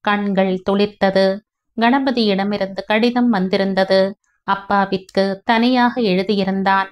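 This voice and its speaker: A woman narrating a family novel at a steady, measured storytelling pace. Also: mid-range voice, clean tone. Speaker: audiobook narrator.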